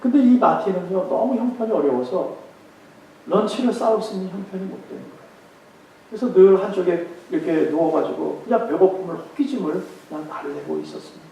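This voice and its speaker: A man's voice: high-pitched, a little fast, creaky, a little hiss or hum. A male pastor preaching emphatically and telling a story in a church sanctuary, recorded from a distance in a very echoey room. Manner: emphatic preaching, some passages told in a softer tone. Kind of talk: sermon with storytelling. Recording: echoey hall, far from mic.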